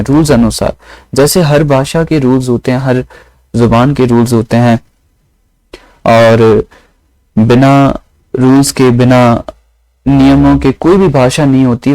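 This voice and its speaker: A man gives a devotional grammar lesson in a mellow, darker voice. He explains patiently and restates each point with a second word. The sound is dry and close, with no room echo. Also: mid-range voice. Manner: slow, explanatory, repeats phrases with synonyms. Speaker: Gurbani grammar teacher.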